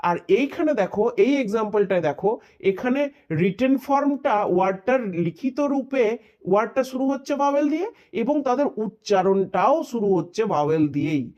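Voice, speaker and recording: A man's voice: high voice, animated, darkish tone, dull audio. A man explains an English grammar lesson. He drills each pronunciation over and over and keeps checking in with questions as he teaches. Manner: reads English rules out slowly and deliberately.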